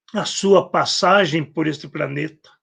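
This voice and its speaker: A man with a Brazilian Portuguese accent preaches a spiritist sermon at an unhurried, deliberate pace. His voice sits fairly high for a man and has a gravelly edge. He acts out gospel quotes and clears his throat often. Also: fairly bright tone. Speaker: spiritist speaker. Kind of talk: spiritist sermon on a live stream.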